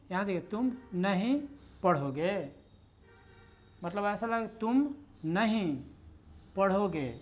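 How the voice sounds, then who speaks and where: Woman, teacher explaining grammar at an even mid pitch, leans hard on key words. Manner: explains slowly, stresses words in examples; self-correcting, conversational asides. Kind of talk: Hindi grammar lesson.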